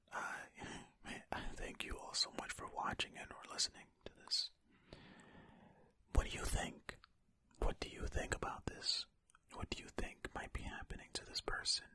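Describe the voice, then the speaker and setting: An ASMR host reads aloud and comments in a breathy, unvoiced whisper. The tone is gentle, chatty, and informal.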